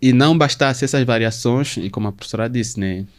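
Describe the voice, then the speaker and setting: A man from southern Brazil hosting an interview, asking long questions in formal, halting phrasing with many restarts. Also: medium pitch. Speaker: host.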